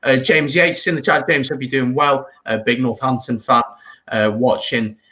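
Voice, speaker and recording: A man's voice: medium pitch, fairly even intonation, moderate pace, sharp tone, poor audio. A man hosting a casual live rugby watch-along, chatting and reading out viewer comments. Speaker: watch-along stream host.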